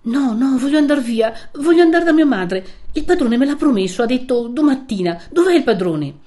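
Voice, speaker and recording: A woman's voice: sits high, animated, moderate pace, dark tone, pitched above the performer's own voice. A woman doing a frightened, desperate young captive. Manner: urgent, trembling pleas.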